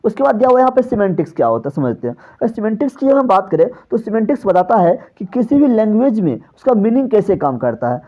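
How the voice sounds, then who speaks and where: A male teacher talks through an exam-prep lecture, posing questions to the class and answering them himself. His voice sinks low at the close of each phrase. The recording is a little dull and lo-fi. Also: sing-song, fast, hardly any pauses. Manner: repetitive, asks and answers his own questions; drops pitch on closing phrases.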